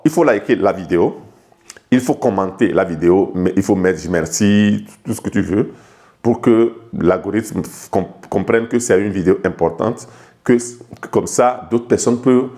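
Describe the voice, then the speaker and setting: With a warm, fairly low voice that's expressive and paced normally, a life coach from Togo talks the viewer through his ideas in a casual video lesson. He addresses them familiarly, tripping over repetitions and restarts as he goes.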